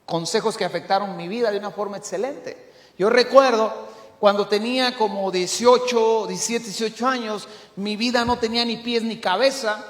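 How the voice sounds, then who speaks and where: Mexican pastor preaching, highish voice, gets loud then goes quiet, long church echo. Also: male voice, fairly even intonation, normal speed. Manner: emphatic preaching, swings from loud to hushed. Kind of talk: sermon. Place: church hall. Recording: echoey church hall.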